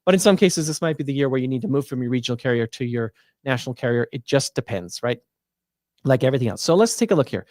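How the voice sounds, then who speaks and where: A man's voice: mid-range voice, lively intonation, fast, darkish tone, dry recording, studio quality. A man hosting a livestream, casually walking viewers through insurance plans while thinking aloud with fillers and restarts. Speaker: Medicare plan advisor hosting a livestream.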